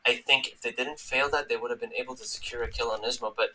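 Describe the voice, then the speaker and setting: A man casting a live esports match, excitable and yelling at big plays, his voice going hoarse. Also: mid-range voice, fast, slight background noise, poor audio. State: losing his voice. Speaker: esports caster. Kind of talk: live game commentary.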